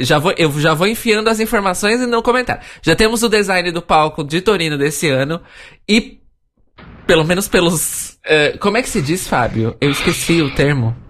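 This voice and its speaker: A man's voice: high-pitched, fairly bright tone. A man hosting a casual podcast chat, talking in an opinionated way and laughing often. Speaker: podcast host.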